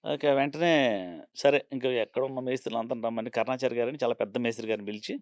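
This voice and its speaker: Man, older, quick animated storyteller, dry close sound. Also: mid-range voice, dry recording. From Andhra Pradesh, India. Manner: animated anecdotes, acts out other people's lines. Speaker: art director, interview guest. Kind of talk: storytelling in a casual interview.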